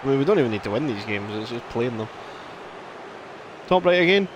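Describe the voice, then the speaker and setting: A man's voice: mid-range voice, very fast, highs cut off, noisy background. A man commentating casually on his own live game stream, chatting and reacting to the play. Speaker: gaming streamer.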